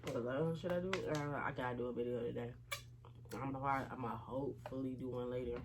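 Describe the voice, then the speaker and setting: A woman's voice: a bass voice, fairly even intonation, quick pace, background noise. A woman vlogger talking casually and slangily to viewers while she eats, rambling between savoring hums. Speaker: mukbang vlogger. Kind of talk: casual eating-show chat to viewers.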